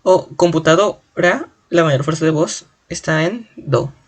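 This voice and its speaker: A teacher giving a spoken grammar lesson in a clear, deliberate way, slowly stretching out example words syllable by syllable. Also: medium pitch, a little mellow. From Peru.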